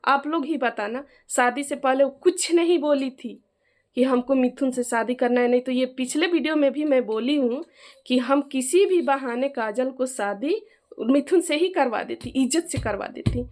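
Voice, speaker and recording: High-voiced heated woman with eastern Hindi accent. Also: normal speed, a little mellow. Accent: eastern Hindi of Jharkhand. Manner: heated, insistent, keeps asking others to back her up. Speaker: vlogger and mother of the bride. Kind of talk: aggrieved family vlog.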